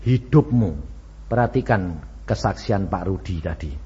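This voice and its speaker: A man preaching a sermon with a Javanese accent, emphatic, swinging from hushed asides to shouted exclamations. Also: low voice, unhurried, husky. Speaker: pastor. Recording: dull lo-fi with faint background noise.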